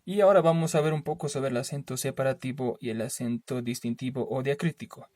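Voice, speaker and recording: A man teaching a spelling lesson, explaining slowly, repeating himself and adding little questioning tags to check that his students follow. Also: medium pitch, steady tone, mellow, dry recording, clean studio sound.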